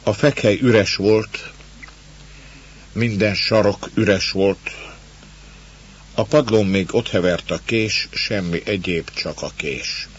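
A man reading a literary story aloud in a calm, measured way, in a dull, lo-fi recording with a faint hum. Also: on the low side, husky. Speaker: narrator. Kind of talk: scripted narration of a literary story.

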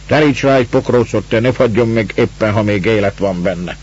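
A man's voice: on the low side, a little mellow, husky, voice pushed up. A man voicing a blunt, impatient landowner who barks and scolds, on a dull, lo-fi recording. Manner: barking, scolding orders. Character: gruff older male landowner, impatient, blunt. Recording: dull lo-fi recording, faint hiss.

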